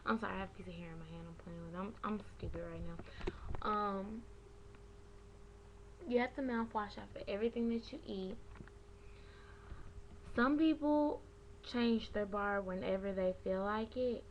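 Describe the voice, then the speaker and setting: A young woman vlogs piercing aftercare advice in a casual, slangy, rambling way, often getting sidetracked as she talks to camera. Her mid-range voice moves at a normal speed with long pauses. The audio sounds dull, with a little hiss or hum.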